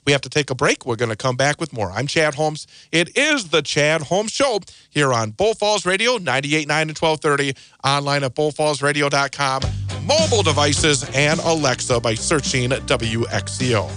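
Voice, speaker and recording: A man hosting a radio talk show, reading station announcements in a smooth radio host delivery. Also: fairly high pitch, lively intonation, moderate pace, sharp tone, faint music behind. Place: radio studio.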